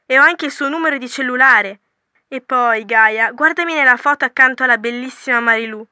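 A woman voicing an excited young female student who is leaving a breathless, gushing voicemail in a scripted language-course dialogue. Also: high voice, fairly quick, clear, resonant tone, no echo.

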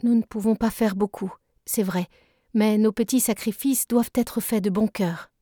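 A woman's voice: mid-range voice, steady tone, normal speed, dark tone, dry recording, studio quality, natural voice. A woman voicing a sensible eldest teenage sister in a storybook reading, lecturing earnestly.

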